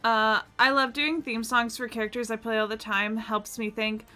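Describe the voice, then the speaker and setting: Bright-voiced chatty American streamer woman. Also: a little high, flat delivery, normal speed, soft background music. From United States. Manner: chatty, profane, laughs often, lots of fillers. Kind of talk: casual live-stream chat.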